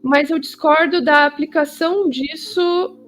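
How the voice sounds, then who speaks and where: A woman's voice: high voice, unhurried, soft background music. A Brazilian woman in a casual interview, giving opinions in an emphatic, slangy way and repeating phrases for stress. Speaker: interview guest.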